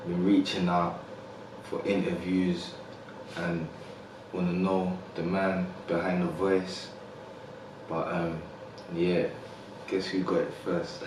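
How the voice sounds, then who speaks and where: A man's voice: low voice, very echoey, distant mic, background noise. A man hosting a podcast in a casual interview, easygoing, with frequent fillers like "like" and "yeah.". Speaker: podcast host.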